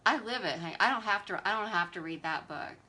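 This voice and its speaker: A woman's voice: medium pitch, fast talker, sharp tone. A woman, chatting animatedly and with exasperated sass while hosting a beauty livestream. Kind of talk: casual livestream chat while doing makeup.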